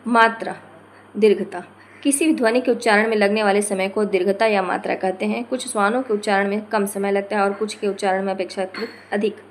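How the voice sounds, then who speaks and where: Lady teacher reading out her lesson notes, slows way down on example words, faint noise behind. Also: medium pitch, fairly even intonation. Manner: corrects herself mid-phrase.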